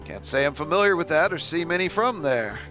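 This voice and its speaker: A man's voice: on the high side, sing-song, a little fast, over music. A man voicing an easygoing, welcoming old tavern keeper in a tabletop role-play.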